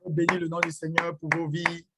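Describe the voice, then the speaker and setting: A man's voice: fairly high pitch, monotone, fairly quick, heavy background noise. A man speaking at an online church conference, greeting and blessing people with frequent hesitations.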